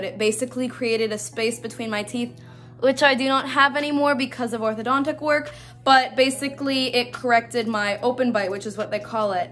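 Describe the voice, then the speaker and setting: A woman's voice: a little high, fairly bright tone. A teenage girl vlogging to camera in a chatty, bubbly way, with a slight lisp. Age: teens. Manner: chatty, bubbly, quick asides. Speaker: YouTuber. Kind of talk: casual vlog talk to camera.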